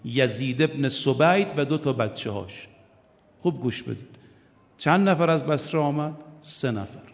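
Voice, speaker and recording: A man's voice: medium pitch, lively intonation, vocal fry. An older man preaching a sermon with passion, asking rhetorical questions and chanting quotations. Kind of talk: religious sermon. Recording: dull, reverberant hall.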